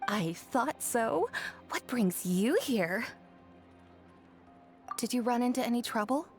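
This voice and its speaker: A woman's voice: on the high side, lively intonation, takes it slowly, soft background music. A woman playing a friendly, obliging clothing shopkeeper in an anime-style video game. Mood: welcoming.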